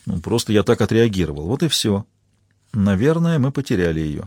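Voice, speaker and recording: A man voicing a worried husband who speaks in a quiet, weary, halting way in an audiobook. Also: on the low side, big pitch swings, husky, dry recording, clean studio sound. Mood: defensive.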